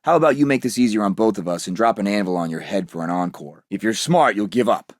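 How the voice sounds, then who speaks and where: A man's voice: lowish voice, expressive, fast talker, dry recording, natural voice. A man playing a brave, determined young American super-soldier captain in a video game, resolute with a dry, wisecracking streak. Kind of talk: scripted video game voice lines.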